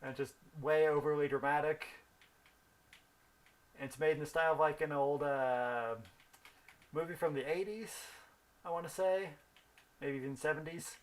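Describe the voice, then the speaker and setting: A man's voice: a little high, fairly even intonation, moderate pace, long pauses. A young man rambling through a story while thinking aloud about the game he is playing. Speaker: gaming video host. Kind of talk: casual gameplay commentary.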